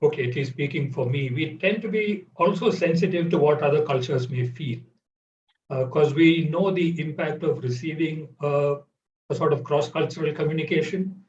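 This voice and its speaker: A man interviewing a guest in a measured, hesitant way with many fillers, heard over a video call. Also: a little high, darkish tone, a little hiss or hum. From India. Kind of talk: conversational interview. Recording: roomy, distant, dull audio.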